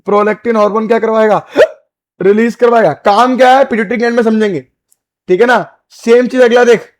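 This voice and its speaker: Male biology tutor, high voice, call-and-response drilling style. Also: steady tone. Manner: repetitive call-and-response questioning, calls students beta and bhai; drills terms by repeating them slowly. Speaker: biology teacher. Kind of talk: exam-prep lecture.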